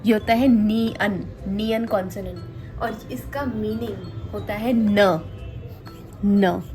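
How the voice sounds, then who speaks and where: A woman teaching the Korean alphabet, slowly repeating each sound and giving memory tricks. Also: medium pitch, mellow, soft background music. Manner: slow, repetitive, spells out sounds and mnemonics. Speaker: language teacher.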